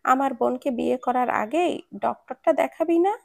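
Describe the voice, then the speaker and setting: Woman voicing a clowning young man, playful teasing, slightly high, gravelly, dry close sound. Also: normal speed, darkish tone.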